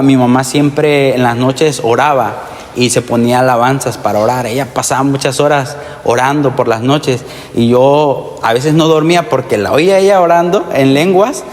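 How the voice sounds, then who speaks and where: Earnest male preacher in echoing church. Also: fairly high pitch. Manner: earnest, addresses the youth directly with calls for amen. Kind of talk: testimony sermon to young people. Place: church sanctuary. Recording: long hall reverb.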